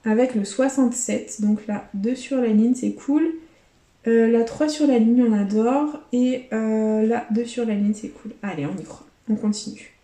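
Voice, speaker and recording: A woman's voice: fairly high pitch, steady tone, a little slow, dark tone. A woman YouTuber chatting casually to her viewers as she scratches lottery tickets, calling them friends. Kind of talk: casual running commentary. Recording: echoey room.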